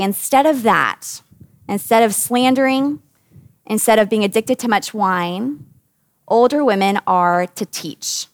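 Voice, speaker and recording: A woman in her thirties from the United States gives a talk to a women's group as their Bible study teacher. She speaks in an earnest, conversational way with lively emphasis. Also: medium pitch, dry recording, studio quality.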